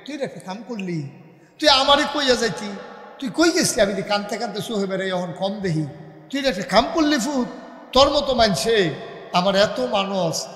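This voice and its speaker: A man's voice: high-pitched, lively intonation, moderate pace. A man voicing an old emperor father weeping over his son, scolding him in sobbing reproach. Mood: reproachful. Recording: echoey hall, loudspeaker reverb.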